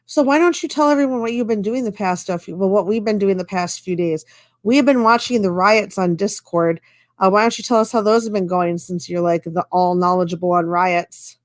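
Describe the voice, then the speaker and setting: A woman's voice: medium pitch, fairly quick, no echo. Chatty woman streamer, dry sound. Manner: chatty and rambling, with many fillers. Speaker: stream host. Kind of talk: casual live-stream chat.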